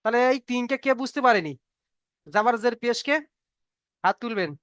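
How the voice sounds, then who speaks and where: With a very high-pitched, fairly bright voice and lively intonation, a man teaches an online Arabic reading lesson as a Quran teacher, talking a little fast. He patiently repeats each point and keeps asking if the class has understood, and the studio sound is clean with no echo.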